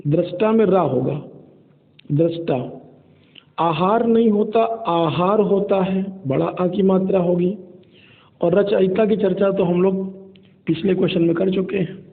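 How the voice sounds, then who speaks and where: Man teaching exam spelling, high voice, thin phone-line audio. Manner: steady, explains each answer option and repeats the correct form. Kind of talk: exam-prep spelling lesson.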